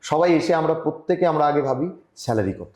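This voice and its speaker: Slightly high-voiced guy, earnest journalist giving advice on a video call, echoey room. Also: lively intonation, brisk, darkish tone. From Tripura, India. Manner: earnest, advising, with frequent hesitations. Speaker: journalist guest. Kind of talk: online interview conversation.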